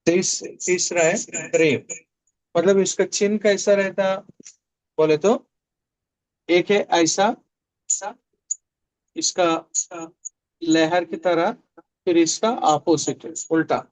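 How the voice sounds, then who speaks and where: Slow, repetitive male Greek teacher. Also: sits high, fairly even intonation, clear, resonant tone, rough recording. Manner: slow, repeats key words, explains step by step. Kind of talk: classroom lecture. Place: classroom with a board.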